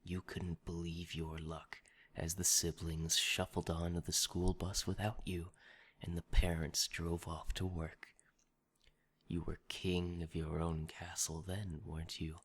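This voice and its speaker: In an ASMR role-play, a man plays a sly shoulder devil with a very low, husky voice. He lingers slowly over florid, alliterative phrases, gloating like a weary clerk of sin. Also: little pitch movement, full character voice. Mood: gloating, teasing. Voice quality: gravelly, husky, breathy. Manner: theatrical, ornate, alliterative, savoring each word.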